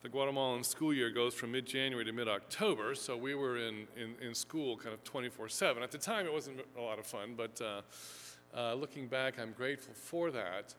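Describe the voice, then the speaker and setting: A seminary professor from Houston, Texas, gives a rambling, filler-heavy lecture to a live audience from a fixed lectern mic, chatty and self-deprecating. His medium-pitched voice is a bit bright and a little fast. The lecture hall sounds echoey, with a faint hum.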